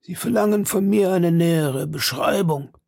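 A man putting on a slow, frail old man. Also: a little high, gravelly, darkish tone, pitched above the performer's own voice. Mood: hesitant.

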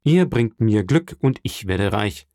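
A man's voice: lowish voice, expressive, takes it slowly, dark tone, no echo, studio quality. A man playing a jealous young fisherman. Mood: pleading, jealous. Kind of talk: audiobook reading.

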